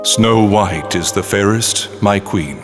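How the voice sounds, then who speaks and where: A woman voicing a solemn magic mirror spirit that speaks slowly and gravely. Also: very deep voice. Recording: long echoing reverb. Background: soft background music.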